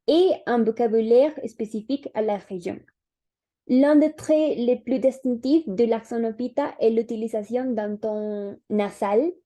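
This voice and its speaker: A woman's voice: on the high side, mellow. A young woman giving an oral class presentation, reading aloud hesitantly with fillers. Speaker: student presenter.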